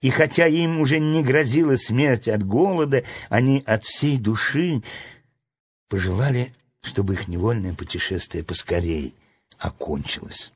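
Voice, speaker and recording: A man narrating a storybook aloud in an expressive, dramatic way. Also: mid-range voice, measured pace, slightly rough.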